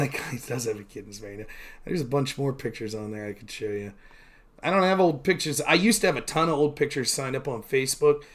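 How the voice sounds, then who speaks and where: A man in his thirties, chatting candidly on his own stream, rambling with many fillers and poking fun at himself. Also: mid-range voice. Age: 30s. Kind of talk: casual solo stream chat.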